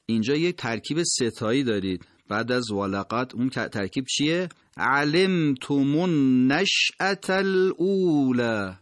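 A man teaching recitation at a mid pitch in a dry, close recording. He moves quickly through his explanations, then slows down to sound out words one by one. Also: fairly bright tone, no echo. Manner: explains quickly, then slowly and carefully sounds out each word as an example. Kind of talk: recitation lesson, explaining pronunciation.

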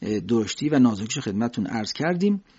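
A man teaching how to pronounce prayer recitation, explaining steadily and drawing out his spoken examples slowly. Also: medium pitch, very animated, a little mellow, husky. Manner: slow, drawn-out recitation of examples between plain explanation. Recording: dull lo-fi recording.

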